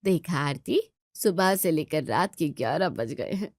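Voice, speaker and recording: A woman's voice: deep voice, expressive, measured pace, no room sound, studio quality, pitched below the performer's own voice. A woman voicing a tired elder daughter-in-law with a sardonic edge. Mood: weary.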